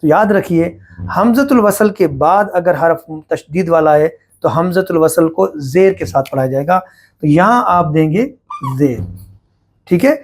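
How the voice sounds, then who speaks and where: A man teaching Quran recitation rules, explaining patiently, asking and answering his own questions, and chanting verses slowly as examples. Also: a little high.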